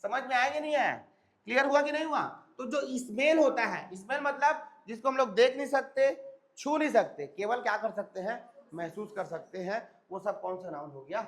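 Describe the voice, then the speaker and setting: A hoarse man teaching a grammar lesson to a class, often stopping to check whether students have understood. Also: extremely high pitch, normal speed, fairly bright tone. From India. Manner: repeats check-in questions to students.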